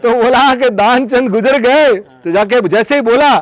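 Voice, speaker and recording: A man telling a folk tale as a motivational speaker, in a folksy, animated manner that calls his listeners boss. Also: very high voice, a little slow, dry recording. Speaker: motivational storyteller. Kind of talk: motivational storytelling.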